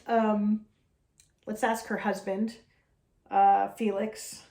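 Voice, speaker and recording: A woman's voice: mid-range voice, level tone, very slow, vocal fry, warm tone. An American woman hosting a vlog, chatty and self-deprecating with frequent fillers. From United States. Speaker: host. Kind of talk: casual vlog talk to camera. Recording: roomy echo.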